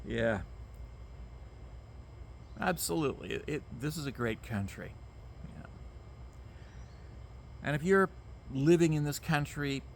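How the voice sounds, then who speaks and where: A man's voice: medium pitch, creaky, a little hiss or hum. A man, ranting emphatically to camera outdoors, repeating himself and swearing. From Canada. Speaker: vlogger. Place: outdoors among mosquitoes.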